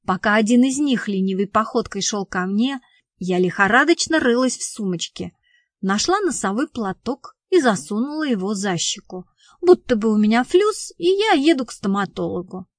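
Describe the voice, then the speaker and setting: A woman narrating a comic novel in a lively, expressive way, on a studio microphone. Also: mid-range voice, moderate pace, no echo. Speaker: audiobook narrator.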